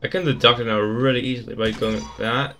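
A man's voice: medium pitch, fairly even intonation, brisk, pushed and bright, slight background noise. A man giving casual gameplay commentary, thinking aloud in an easygoing way as he explores a game. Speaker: gaming YouTuber.

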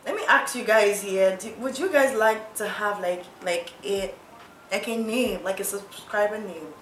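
A young woman from Nigeria talks through a makeup tutorial vlog at a measured pace, giggling and joking at her own expense. Her mid-range voice is fairly bright, and there's a slight hiss or hum along with a roomy echo and faint music.

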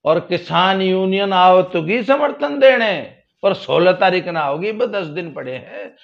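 A man giving casual spoken commentary, folksy and sarcastic, getting loud when he stresses a point. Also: sits high, expressive, a little slow, vocal fry, dull audio. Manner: folksy, sarcastic, rises loudly for emphasis. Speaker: political commentator.

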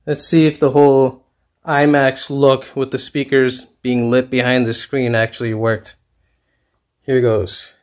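A middle-aged home theater hobbyist films a casual, enthusiastic tour of his dark basement theater room on a handheld camera, full of fillers and restarts. His medium-pitched voice is a little slow and a little mellow, with little pitch movement.

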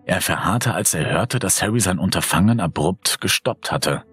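A man narrating a horror story in a calm, steady reading voice. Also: low-pitched, normal speed, slightly rough, faint music behind. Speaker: audiobook narrator.

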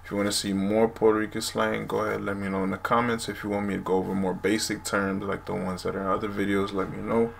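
A man's voice: fairly low pitch, little pitch movement, fast talker, gravelly, hardly any pauses. A man in his twenties explaining words casually to a camera at home. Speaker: language video host. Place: small room at home, indoors. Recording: noisy room recording.

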